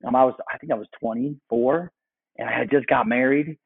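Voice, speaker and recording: Guy in his 30s chatting on a podcast, husky voice, sounds like a phone line. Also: medium pitch, brisk. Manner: storytelling, animated asides. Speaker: guest. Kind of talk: casual chat.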